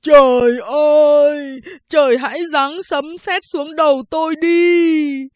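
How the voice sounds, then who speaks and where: Brief: woman playing a young man in loud wailing despair, raised pitch, storybook reading, dry room. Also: steady tone, slow pace, no room sound. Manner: wailing, sobbing lament. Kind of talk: audiobook character voice.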